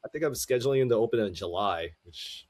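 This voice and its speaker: A man's voice: lowish voice, lively intonation, a little mellow. A man co-hosts a loose podcast conversation. He stammers through his thoughts and restarts often, rambling his way to the point. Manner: rambling, halting, many restarts. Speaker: podcast co-host. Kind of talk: casual chat.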